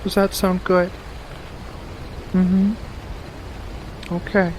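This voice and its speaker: An ASMR performer plays a doting, playful, sweetly possessive witch in a soft-spoken roleplay, cooing and coaxing with hums and pet names in a gentle mood. The medium-pitched voice stays monotone and draws words out, over a noisy background.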